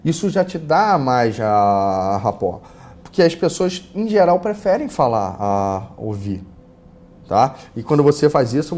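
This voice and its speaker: Dark-voiced Brazilian man teaching a course. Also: fairly high pitch. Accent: Brazilian Portuguese. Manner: casual, many fillers and repeated words, lively shifts in loudness. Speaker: course instructor. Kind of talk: online course lecture. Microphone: lapel mic.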